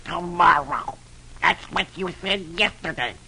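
A man's voice: on the high side, big pitch swings, measured pace, pushed and bright, exaggerated voice. A man voicing a hot-tempered, scheming cartoon duck who barks at his nephews, in a noisy old radio recording. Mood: angry. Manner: barking, gruff, then sly.

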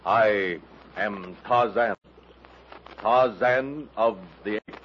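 An actor playing a calm, commanding ape man hero in a terse, deliberate way, in 1930s radio drama style. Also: lowish voice. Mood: calm, firm. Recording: dull, noisy old radio recording.

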